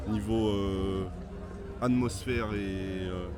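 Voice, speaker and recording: A breakdancer answering a street interview hesitantly, searching for words. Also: male voice, fairly low pitch, fairly even intonation, extremely slow, music in the background.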